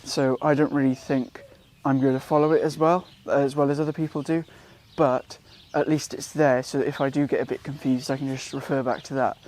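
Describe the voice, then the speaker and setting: A young man from Wales giving a relaxed, chatty gardening how-to outdoors, with frequent ums and self-corrections. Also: mid-range voice, a little fast, few pauses. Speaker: gardening vlogger. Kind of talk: casual how-to vlog.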